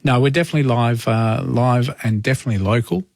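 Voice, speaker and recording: A man's voice: mid-range voice, fast talker, gravelly, darkish tone, dry recording, studio quality. A man with an Australian accent hosting a live overnight phone-in, chatting in a hesitant, conversational way. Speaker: overnight talk radio host. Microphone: close studio microphone.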